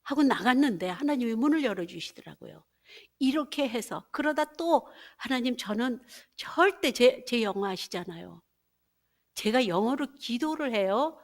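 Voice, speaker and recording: A woman's voice: a little high, animated, normal speed. A woman pastor in her fifties giving a sermon testimony, telling her story and acting out her own prayers, with English phrases dropped in.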